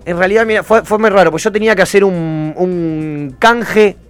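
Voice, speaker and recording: A man with a Rioplatense accent hosting a radio show from the studio, loud and excitable, swearing casually. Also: sits high, moderate pace, clear, resonant tone, no echo, soft background music. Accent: Rioplatense Spanish. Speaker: radio host.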